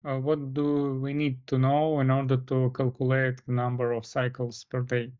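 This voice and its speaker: A man conducting a formal case interview, speaking deliberately and pausing often in mid-sentence. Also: medium pitch, completely flat delivery, clear, resonant tone, muffled recording.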